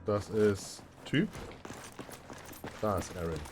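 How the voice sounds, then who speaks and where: A man's voice: lowish voice, animated, slow pace, music in the background. A man hosting a let's play, thinking aloud in casual game commentary.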